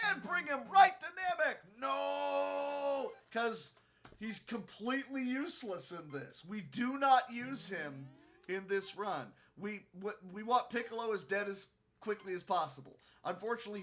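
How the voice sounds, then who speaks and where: A man's voice: high-pitched, sharp tone. A tired, yawning man commentating his live speedrun in a casual style, rambling through joking, self-mocking asides.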